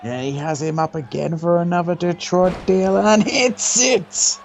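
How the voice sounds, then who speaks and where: A man's voice: high-pitched, measured pace, vocal fry, slight background noise. A man working as a wrestling co-commentator, informally describing the moves and backing up the calls.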